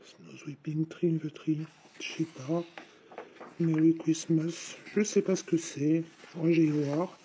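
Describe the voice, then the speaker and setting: Synthetic tts lady voice, mellow, chatty unboxing vlog, rambly and informal, bit of background noise. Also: lowish voice. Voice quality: synthetic text-to-speech voice. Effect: synthetic voice replacing the speaker's own. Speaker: craft vlogger. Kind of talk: casual chatty unboxing narration.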